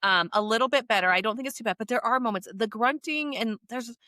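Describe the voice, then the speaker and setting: A podcast co-host chats casually about books and audiobooks, acting out her reactions as quotes along the way. Her voice sits on the high side, fast, pushed and bright, captured in a dry, studio-quality recording.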